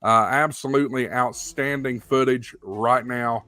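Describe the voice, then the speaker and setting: A man's voice: mid-range voice, fairly even intonation, measured pace, bright, forceful tone, no echo. A man hosting a livestream, giving live storm-tracking commentary in an urgent, emphatic, repetitive manner. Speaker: livestream host.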